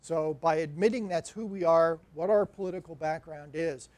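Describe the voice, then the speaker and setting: Male librarian giving a conference talk, high voice, wry and animated. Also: normal speed. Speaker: academic librarian presenter. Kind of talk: conference presentation.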